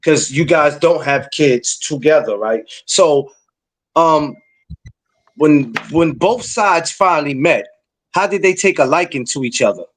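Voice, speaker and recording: A man's voice: on the high side, expressive, measured pace. A man in his forties hosting a casual podcast, talking bluntly in streetwise slang and giving life advice in a preachy way. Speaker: podcast host.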